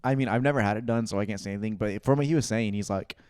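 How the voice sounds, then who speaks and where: Low smooth-voiced young man. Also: very fast, darkish tone, no echo, clean studio sound. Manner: rambling, filler-heavy, laughs easily. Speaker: podcast co-host. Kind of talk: casual chat.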